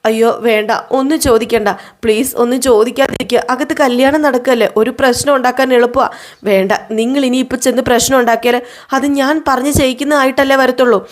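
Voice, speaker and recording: A woman's voice: high voice, fairly even intonation, brisk, natural voice. A woman voicing a timid, tearful young wife who pleads hesitantly and repeats herself. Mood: begging.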